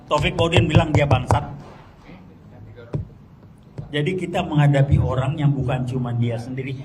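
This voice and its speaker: Older guy ranting at a crowd, kinda high voice, gets loud then drops quiet, slangy. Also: noisy background. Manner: emphatic, swings from loud to hushed, mixes street slang. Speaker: political speaker. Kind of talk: impassioned speech to an audience.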